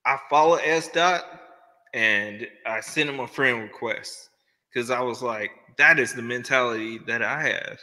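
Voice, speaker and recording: Bright earnest man with long reverb. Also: mid-range voice, unhurried. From Louisiana. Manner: earnest, preachy. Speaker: podcast guest, musician. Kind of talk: casual podcast chat.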